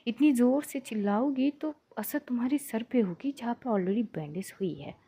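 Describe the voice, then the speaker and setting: Nitya, a woman doing a soft-spoken professor. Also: moderate pace, breathy edge. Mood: gentle. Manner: soft, calm, low-spoken. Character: gentle, caring woman professor.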